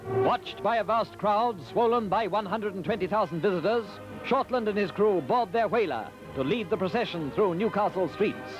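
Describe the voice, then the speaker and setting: High-voiced old newsreel announcer, lo-fi. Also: male voice. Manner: brisk, formal announcer delivery. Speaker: newsreel narrator. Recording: lo-fi old newsreel soundtrack with loud music.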